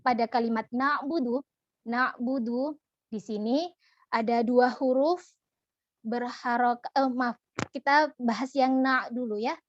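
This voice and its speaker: A woman teaching Quran recitation in an online lesson, patient and gentle, demonstrating each syllable slowly. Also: fairly high pitch, highs cut off.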